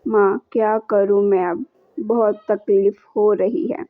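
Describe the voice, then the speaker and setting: A woman's voice: medium pitch, steady tone, takes it slowly, no echo, close to an everyday voice. A woman voicing a young newlywed who confides to her mother in a pleading, tearful way. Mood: upset. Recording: dull lo-fi recording.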